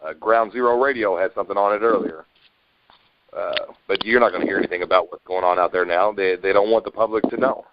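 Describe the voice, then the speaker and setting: A man speaks quickly and insistently on a conference call, his voice fairly low. The sound is dry and muffled, like call audio. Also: fairly even intonation, noisy background. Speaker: caller. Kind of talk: casual conference call chat.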